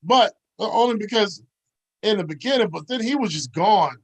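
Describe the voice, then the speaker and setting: Measured podcast co-host. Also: mid-range voice, expressive, slightly rough, low-quality recording. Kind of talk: casual chat.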